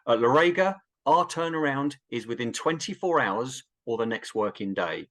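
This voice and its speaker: A man's voice: medium pitch, expressive, normal speed, a bit bright. Upbeat man presenting a webinar. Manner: upbeat, emphatic, sometimes jokey. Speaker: insurance relationship director presenting a webinar.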